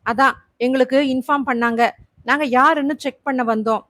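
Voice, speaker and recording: A woman voicing a brisk police officer in an audiobook thriller, crisp and authoritative. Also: very high-pitched, fairly even intonation, a bit bright, no echo, studio quality. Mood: official.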